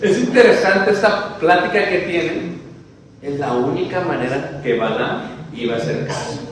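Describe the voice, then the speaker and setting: Man, preacher, joking sermon, fairly high voice, very echoey hall, faint noise. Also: normal speed, distant mic. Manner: jokes, asks the audience questions, acts out the story. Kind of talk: lively sermon with questions to the congregation. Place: church hall.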